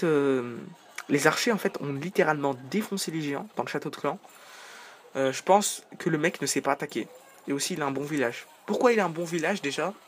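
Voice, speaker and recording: A man's voice: fairly high pitch, slight background noise. Chatty young-sounding man. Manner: chatty, joking, rambling asides. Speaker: video game commentator. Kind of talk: casual gameplay commentary.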